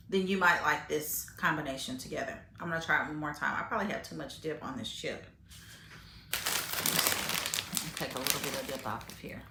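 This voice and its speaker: With a low-pitched voice that comes across pushed and bright, a woman casually vlogs about groceries and tastes food on camera. She's chatty, full of fillers and restarts; the audio is roomy with slight background noise.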